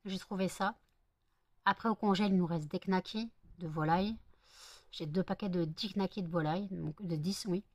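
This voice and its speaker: A woman's voice: on the low side, normal speed, no echo. A woman vlogging casually at home, rambling and thinking aloud with many hesitations. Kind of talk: casual chat to camera.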